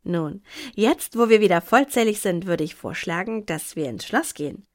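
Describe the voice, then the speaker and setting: A cheerful male snow penguin from a children's storybook, voiced by a woman reading aloud. He is friendly and welcoming and smiles through his words. The voice sits at a mid pitch. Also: animated, normal speed, close to an everyday voice. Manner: warm, welcoming.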